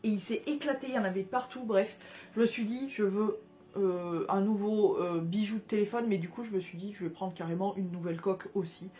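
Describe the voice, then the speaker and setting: A young woman chats casually through a shopping haul video, gushing over cute items with many fillers and restarts. Her mid-range voice is mellow and steady in tone, moving a little fast.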